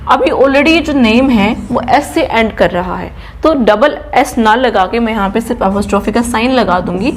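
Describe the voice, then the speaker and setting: A woman English trainer with a slightly high voice, teaching grammar step by step. She asks the class questions and answers them herself. She checks after almost every point that everyone is following. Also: moderate pace, hardly any pauses. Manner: explains step by step and keeps checking with "ठीक है?".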